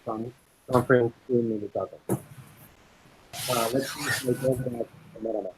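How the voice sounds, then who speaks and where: A man presenting a software demo over a video call, talking through each step with many pauses and fillers, his call audio glitchy and cutting out. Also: mid-range voice, steady tone, slight background noise. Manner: halting, filler-heavy narration of on-screen steps. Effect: call audio cutting out, glitchy and distant. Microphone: computer mic on a video call.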